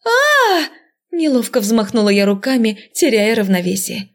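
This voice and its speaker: A woman reads a fantasy romance audiobook in first person, mid-pitched with a touch of fry. She jumps high for the heroine's squeaky lines. Her reading stays lively and expressive. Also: normal speed. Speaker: audiobook narrator.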